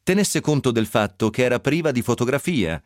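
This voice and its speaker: A man giving an expressive reading of a novel excerpt on radio, with dry ironic asides. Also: medium pitch, brisk, no echo. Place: radio studio.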